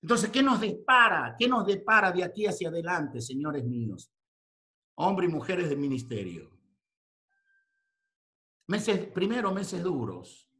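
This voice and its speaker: A man in his sixties preaching a sermon to ministers, firing rhetorical questions and swinging between quiet talk and shouting. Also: high-pitched, sing-song, a little slow, pauses often.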